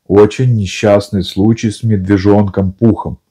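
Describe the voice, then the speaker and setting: A man voicing a slow, good-natured little bear who mutters his thoughts aloud in an audiobook. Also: fairly low pitch, steady tone, dark tone, breathy edge. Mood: musing. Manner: slow, musing, talks to himself. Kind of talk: audiobook character voice.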